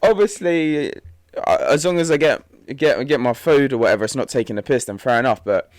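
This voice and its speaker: A young man co-hosting a podcast chats casually at a brisk pace in a medium-pitched voice, recorded dry and at studio quality. He uses slang, laughs easily, and trails off mid-sentence.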